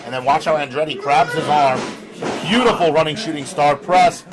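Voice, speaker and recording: A man's voice: a little high, normal speed, over music. A man working as a lucha libre announcer, giving live play-by-play and calling wrestling moves in short bursts. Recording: crowd noise behind commentary. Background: live crowd.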